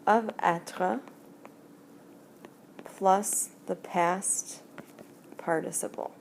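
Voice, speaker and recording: Slow, deliberate woman teacher. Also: mid-range voice, fairly even intonation, darkish tone, a little hiss or hum. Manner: slow, deliberate explaining while writing. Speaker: French teacher. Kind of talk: screencast grammar lesson.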